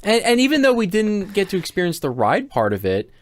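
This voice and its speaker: Easygoing male sidekick, very lively intonation, quick laughs. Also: high voice. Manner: agreeable, chuckles often. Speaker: theme park reviewer, co-host. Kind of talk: casual podcast chat.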